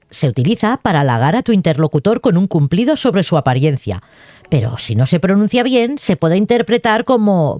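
A woman voicing a stern female lizard-folk language teacher from a video game, formal and lecturing, in a lowered voice. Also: darkish tone, dry recording, lightly acted.

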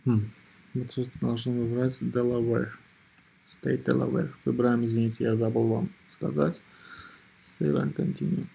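A man narrating an informal screen tutorial as its presenter, in a hesitant, halting way, often repeating himself. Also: mid-range voice, little pitch movement, gravelly, dark tone, husky, low-quality recording. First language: not Russian or rusty Russian speaker living abroad.

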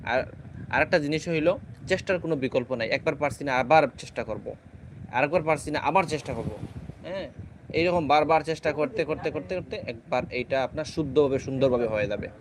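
A man teaches Quran reading. He spells out each syllable slowly and draws out the joined word, then speeds up to explain. Faint traffic noise runs underneath. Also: fairly high pitch. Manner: slow drawn-out syllable spelling between quick explanations. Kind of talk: spelling-out recitation lesson.

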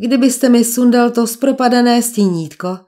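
A cool young detective in an audiobook, as a woman narrator voices him. He trades dry quips with his captor and never loses his calm. The tone is mellow and dark. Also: on the high side, natural voice. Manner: dry, unflappable banter. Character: cool, wry young male captive detective. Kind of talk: audiobook character voice.

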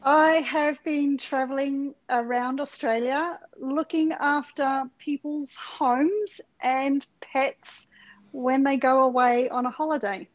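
A woman's voice: high voice, steady tone, slow pace. A woman who is a visiting English teacher, greeting students in a friendly online class over a video call. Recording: dull lo-fi video call audio.

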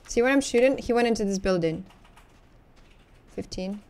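A young woman streaming a game, chatting casually and yelling out when she's startled. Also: mid-range voice, normal speed, heavy background noise. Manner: jumpy, yells suddenly, chatty. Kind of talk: casual gaming chat.

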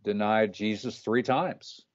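Host: man in his 30s, low voice, measured and halting, muffled video-call sound. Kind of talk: casual interview talk.

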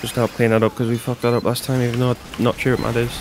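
A man's voice: mid-range voice, monotone, fast, music in the background. A man speedrunning a game, chatting casually in team callouts over voice chat, with some swearing. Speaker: speedrunner playing a team shooter. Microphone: gaming voice chat.

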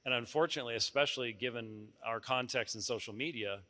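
A middle-aged man answering on a conference panel with a handheld mic, measured, stopping to rephrase, with dry humor. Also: medium pitch, pushed and bright. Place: large conference hall stage.

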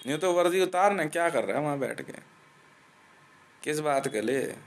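A man's voice: fairly high pitch, animated, normal speed. A man from India delivering a profane ranting monologue, aggressive and taunting, swearing constantly and laughing between threats.

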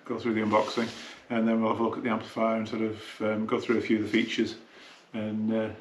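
A hi-fi shop owner chats casually as he unboxes equipment, thinking out loud and sometimes drifting away from the mic. He talks fast in a lowish monotone, in an echoey room with noisy room tone and clicks.

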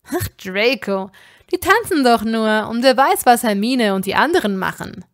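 A woman's voice: on the high side, sing-song, normal speed. A woman voicing a cheeky, carefree young male wizard in a breezy, teasing way.

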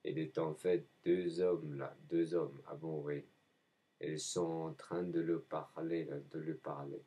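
A man in a rambling spoken monologue, halting often and repeating himself as if answering his own questions. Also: extremely low pitch, little pitch movement, dark tone, breathy edge. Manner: halting, frequent hesitations.

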